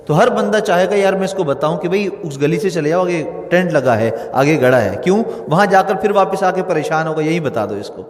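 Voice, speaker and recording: A man preaching a Friday sermon in a mosque, repeating key phrases for emphasis. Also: a little high. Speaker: mufti giving a Friday sermon. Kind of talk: Urdu sermon with storytelling. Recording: echoey hall with long reverb.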